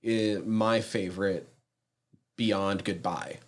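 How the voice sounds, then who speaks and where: A man's voice: lowish voice, steady tone, takes it slowly. A man co-hosting a podcast, chatting casually and easily with short agreeing replies. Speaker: podcast co-host. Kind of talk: casual review chat.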